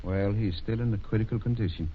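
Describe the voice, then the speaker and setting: An actor playing a kindly, fatherly older small-town doctor in a 1930s radio drama, speaking a little hesitantly and gently reproving. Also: fairly low pitch, fast, a little hiss or hum, lightly acted. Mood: grave, polite. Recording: muffled 1930s radio recording.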